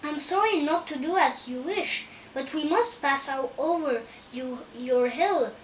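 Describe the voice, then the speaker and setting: A woman's voice: high voice, a little slow. A woman reading an earnest, firm scarecrow. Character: brave, polite male scarecrow leading travelers. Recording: roomy, distant, faint hiss.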